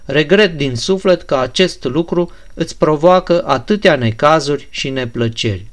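An unflappable, courteous young prince voiced by a male reader, answering patiently and politely. His voice sits fairly high and stays even in an audiobook scene. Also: close to an everyday voice. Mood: calm. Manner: calm, courteous, even-toned.

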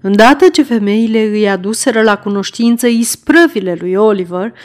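A woman reading a classic novel aloud as an audiobook narrator, in a measured storytelling manner. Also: mid-range voice, animated.

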